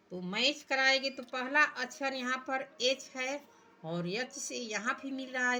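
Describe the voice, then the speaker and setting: A woman's voice: high voice, sharp tone. A woman teacher, walking young children through a workbook step by step and translating English words into Hindi. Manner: reads English lines very slowly.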